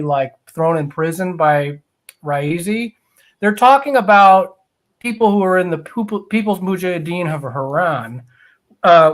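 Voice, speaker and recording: A man co-hosting a podcast, talking in a hesitant way with frequent pauses and restarts. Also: a little high, a bit bright. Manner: hesitant, many fillers and restarts. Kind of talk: casual podcast talk.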